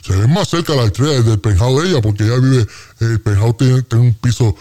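Puerto Rican man, tall-tale radio comic, boastful and animated. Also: mid-range voice, a little fast. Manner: boastful, animated, exaggerating with sound effects.

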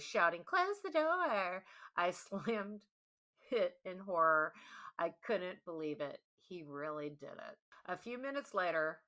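A young woman hosts a podcast and tells the story straight, swearing freely. Her voice is bright and sharp, and her delivery is animated and blunt. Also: low-pitched. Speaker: podcast host.

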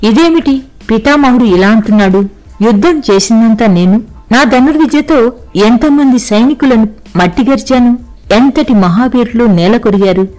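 A woman voicing a proud young male warrior prince who is quick to take offence in a storybook reading. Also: fairly high pitch, a little mellow, natural voice, low-quality recording. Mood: indignant. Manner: boastful then humbled.

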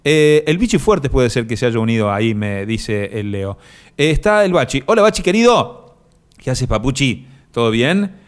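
A man's voice: mid-range voice, very animated, normal speed, smooth. A man with an Argentine accent hosting a live stream, reading viewer comments and rambling through mock-serious jokes with many fillers. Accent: Argentine Spanish. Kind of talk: joking casual chat.

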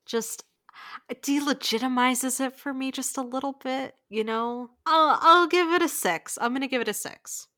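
A woman's voice: sits high, moderate pace, bright, forceful tone, dry recording, clean studio sound. A young woman co-hosting a casual podcast, rambling with lots of filler words and frequent giggles. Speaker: podcast co-host.

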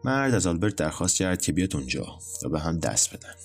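A man narrating a scripted story in a measured, storytelling manner. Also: deep voice, very animated, soft background music.

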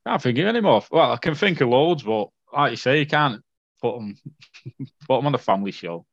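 A man's voice: mid-range voice, lively intonation, fairly quick, no echo. Male guest, rambling recollections, dull dry mic. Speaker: podcast guest. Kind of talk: casual podcast chat.

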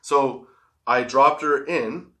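A man's voice: mid-range voice, fairly even intonation, slow, sharp tone. A man hosting a casual, comedic solo podcast, stoned and rambling, giggly, drawing out the odd word. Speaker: podcast host.

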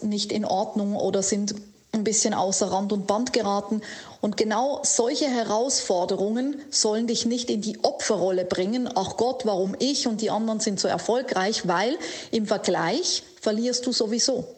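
Earnest woman life coach, slow and emphatic. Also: medium pitch. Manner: earnest, slow and emphatic, speaking directly to the listener. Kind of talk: motivational monologue to camera.

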